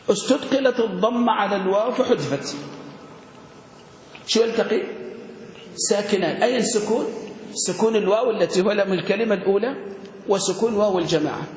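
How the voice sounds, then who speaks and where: A man teaching a grammar class, questioning his students and spelling words out slowly. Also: high-pitched, darkish tone. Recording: echoey room with long reverb, faint noise.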